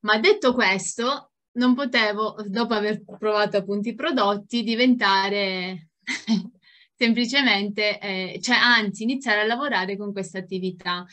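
A woman's voice: medium pitch, measured pace, a bit bright. A woman with a Sicilian accent giving an informal, enthusiastic testimonial on a group video call, often giggly. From Sicily, Italy. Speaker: network marketing team member. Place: indoors at home, video call.

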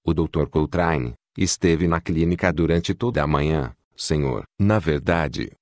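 A man's voice: rumbling low, measured pace, darkish tone, no echo, studio quality. A man reading a firm, composed female doctor. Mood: formal.

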